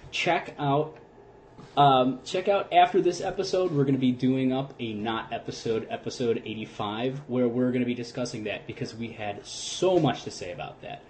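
A man's voice: mid-range voice, a little hiss or hum. Easygoing man chatting on a podcast. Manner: relaxed, rambling with fillers. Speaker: podcast co-host. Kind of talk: casual chat.

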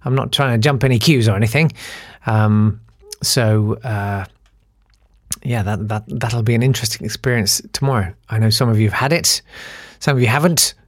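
A man's voice: lowish voice, normal speed, no room sound, clean studio sound. A man hosting a podcast, telling a rambling, self-deprecating anecdote with many fillers and restarts. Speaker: podcast host. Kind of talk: casual anecdotal monologue.

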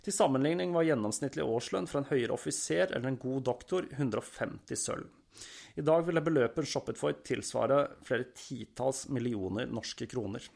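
A man narrating history from a script at a measured pace, with a mid-range voice of ordinary pitch. His storytelling is even and controlled. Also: gravelly. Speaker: podcast narrator.

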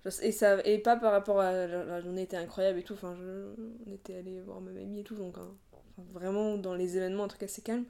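A woman in her twenties with a mid-range, dark-toned voice co-hosts a podcast. She talks casually, reflecting and rambling with lots of fillers.

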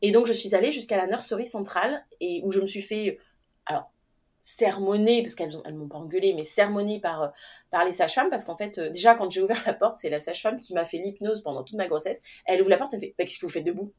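A woman's voice: medium pitch, quick pace. A young adult woman telling her own story in casual chat, acting out the voices in her quotes and laughing often. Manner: animated, acts out quoted dialogue, laughs often.

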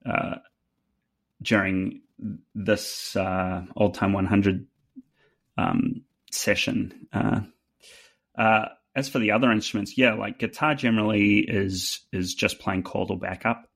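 Casting: New Zealand-accented male musician guest, low gravelly voice, hesitant chatty delivery. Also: steady tone, a bit bright. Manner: halting, many fillers and restarts. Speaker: fiddle player guest. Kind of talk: casual interview chat.

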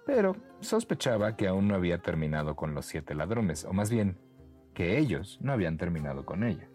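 A man narrating a bedtime story for children in a gentle, expressive way. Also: low voice, moderate pace, soft background music.

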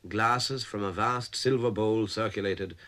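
A man narrating a documentary in a measured, descriptive scripted style. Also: fairly low pitch, bright, forceful tone.

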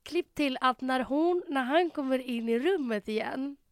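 A woman's voice: high voice, clear, resonant tone, dry recording, studio quality. A young Swedish-speaking woman co-hosting a podcast, telling a story animatedly in casual chat and acting out the quotes. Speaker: podcast co-host.

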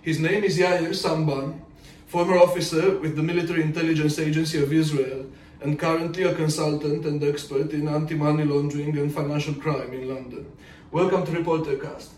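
A man's voice: a little high, steady tone, brisk, a little mellow. A man hosting a podcast, who reads a scripted introduction and then asks questions with some fillers. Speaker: podcast host. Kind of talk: podcast interview. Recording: echoey room, distant mic, faint noise.

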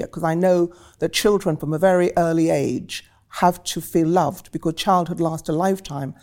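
With a fairly low, mellow voice, a guest in her seventies from Trinidad shares reflective personal stories about her life, using vivid and rhetorical phrasing.

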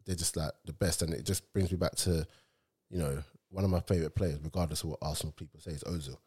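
Low-pitched and husky with a darkish tone, he talks quickly and steadily. He's an interviewer with a London street accent, keeping the football chat loose, slangy and matey.

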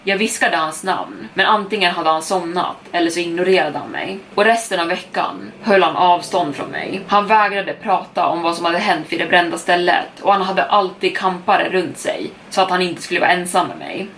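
A woman's voice: lowish voice, hardly any pauses, a bit bright, slight background noise. A young adult woman narrating a scripted first-person horror story for a podcast, reading steadily and speeding up in tense passages.

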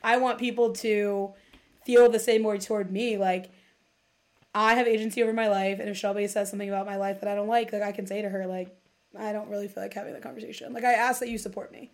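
A woman's voice: medium pitch, quick pace. A woman in her late twenties hosting a casual chat, talking with lots of "like" and acting out quotes. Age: late 20s. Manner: chatty, fillers of "like", animated quoting. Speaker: host.

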